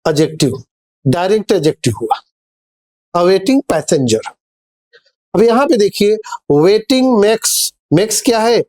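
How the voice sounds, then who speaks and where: This man's voice is high and darkish in tone, and he is very animated. Teaching English grammar as if in a classroom, he explains patiently, asks and answers his own questions, addresses viewers as dear children, and reads example sentences in a slow, deliberate way.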